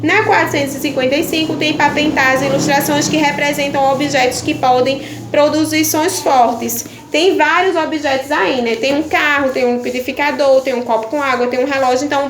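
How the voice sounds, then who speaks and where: A woman's voice: sits high, moderate pace. A woman teacher from Brazil patiently explaining primary-school workbook pages in a video lesson, checking in with her pupils after each point. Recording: echoey room with faint background noise.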